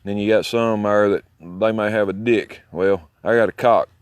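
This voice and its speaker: His voice sits lowish, clear and resonant, with fairly even intonation and a moderate pace, and there's no echo. A CB radio hobbyist from the southern United States, he talks outdoors near his home in a Southern Alabama accent, rambling casually in a boastful, folksy, foul-mouthed manner while filming his own video.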